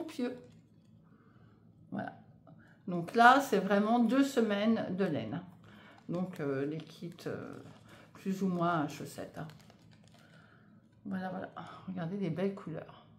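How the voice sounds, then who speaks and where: A woman chatting casually in a knitting vlog, hesitant with many fillers, filming in her home conservatory. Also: mid-range voice. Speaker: knitting vlogger. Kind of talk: casual vlog chat, unboxing yarn.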